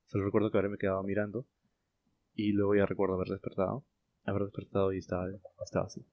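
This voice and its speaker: A man's voice: low voice, completely flat delivery, quick pace, a little hiss or hum. A man telling a dream story in casual chat, hesitant, with many fillers and restarts. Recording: lo-fi muffled sound.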